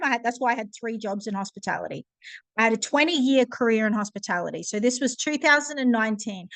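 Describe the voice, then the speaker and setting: A woman in her thirties, a coach telling a personal story in casual, animated talk with many restarts and fillers. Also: fairly high pitch, dry recording.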